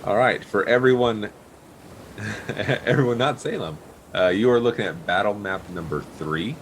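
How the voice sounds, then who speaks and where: A man narrating a tabletop game as game master, in a halting, pausing way. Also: lowish voice, a little hiss or hum, poor audio. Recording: faint sea and boat ambience behind.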